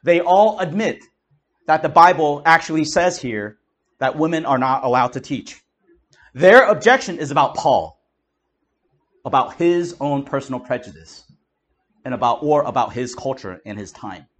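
A man's voice: on the high side, animated, moderate pace. A man preaching, explaining Scripture verse by verse in an emphatic, conversational way. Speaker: pastor. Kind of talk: expository Bible teaching.

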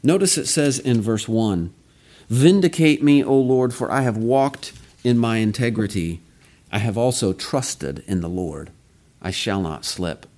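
Low-voiced man preaching an earnest sermon. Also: a little mellow. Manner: measured, earnest expository preaching with slow emphatic phrases.

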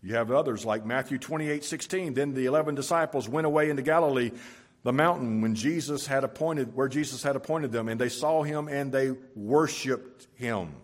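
Husky-voiced man preaching a sermon. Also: mid-range voice, normal speed. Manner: reads scripture aloud with emphatic rises. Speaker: pastor. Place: church sanctuary.

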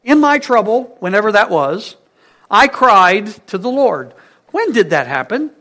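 A man preaching a sermon, stressing key words loudly and dropping to hushed phrases, asking his congregation questions. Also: high-pitched, big pitch swings, unhurried. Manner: emphatic, swings between loud stresses and hushed phrases.

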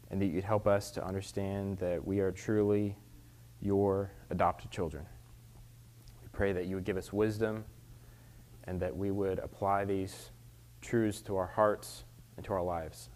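Man, preacher at a pulpit microphone, fairly low voice, earnest, conversational, restarts and ums, church sanctuary. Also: a little mellow. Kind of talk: sermon with scripture reading and prayer.

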